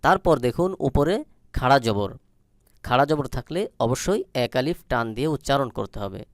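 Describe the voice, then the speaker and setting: Bengali-accented guy teaching recitation, slow and deliberate, dry close sound. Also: mid-range voice, lively intonation, no echo. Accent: Bangladeshi Bengali. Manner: slow, deliberate, repeats syllables drawn out. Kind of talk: spelling-out recitation lesson.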